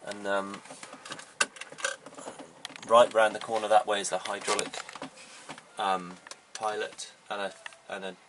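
A man's voice: on the low side, level tone, takes it slowly, long pauses. A man in his thirties casually explaining the gear in his sailboat's cabin, practical and plain-spoken. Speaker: boat owner giving a tour. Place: cramped boat cabin, indoors. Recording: slightly distant mic with faint background noise.

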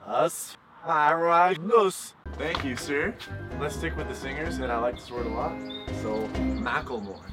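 A man's voice: mid-range voice, moderate pace. A young man co-hosting a casual word game video with joking, slangy banter. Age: young adult. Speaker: challenge video co-host. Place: outdoors against a house window. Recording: background music under the voice.

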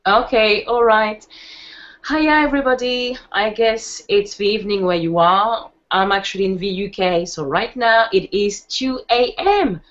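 Over a muffled video call, a French webinar presenter talks a little slowly in a mid-range voice. Her accented delivery is casual and chatty, full of easy laughter, fillers and restarts.

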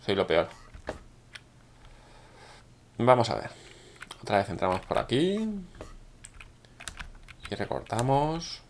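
Hoarse guy commentating his game, low voice that jumps all over, faint keyboard clicks behind. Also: slow pace, pauses often, slight background noise. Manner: excitable, chatty, talks to viewers. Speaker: gaming YouTuber. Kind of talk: live gameplay commentary.

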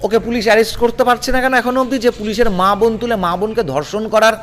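A man's voice: high-pitched, quick pace, fairly bright tone, in a large hall, slight background noise. A man giving a heated political interview, combative and rhetorical, firing off grievances in bursts. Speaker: political guest.

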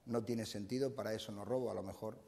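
A man's voice: fairly low pitch, fairly even intonation, fast, vocal fry, darkish tone. Older man lecturing in an echoing hall. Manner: explanatory, frequent "eh" fillers and restarts. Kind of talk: conference talk. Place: university lecture room.

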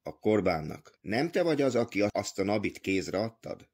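A man's voice: on the low side, big pitch swings, a little mellow, husky. A man voicing a fat, pompous, irritable temple treasurer who talks impatiently and mockingly in an audiobook reading.

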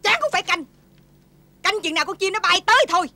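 A woman's voice: very high-pitched, expressive, quick pace, bright, forceful tone, dry recording, exaggerated voice. An actress playing a greedy, bossy farmer's wife who scolds and nags her husband. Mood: scolding. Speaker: greedy farmer's wife in a folk-tale film. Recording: very noisy old film soundtrack.

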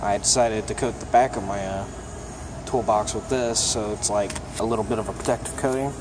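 Filming first-person on a phone in his hand, a young mechanic walks viewers through his toolbox in a laid-back vlog. His voice sits on the low side and moves fairly quickly, peppered with ums and uhs. Indoor auto shop noise and a humming air conditioner fill the background.

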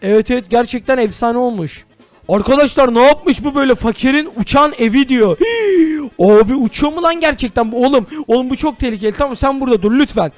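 Excitable young male gamer, very high and rapid; close, dry mic. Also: no room sound. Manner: excitable, addressing viewers, exclaiming. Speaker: gaming YouTuber. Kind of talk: Minecraft role-play commentary.

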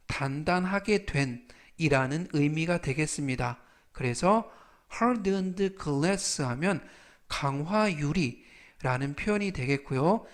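Man teaching vocab, slightly high voice, very slow and patient, repeats every word. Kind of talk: slow explanatory lesson.

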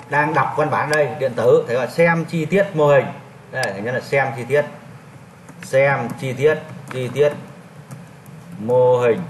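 A male teacher walking a class through software steps, repeating each step as he clicks. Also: medium pitch, a little hiss or hum. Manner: repetitive, talks while clicking through steps. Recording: echoey classroom, mic at a distance.

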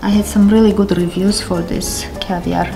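A woman's voice: mid-range voice, fairly even intonation, moderate pace, gravelly. A middle-aged woman with an Armenian accent, talking casually as she tastes food in a family vlog, still a little sick. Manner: chatty, tasting and commenting on food. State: recovering from a cold. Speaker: vlog host. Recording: echoey kitchen with background music.

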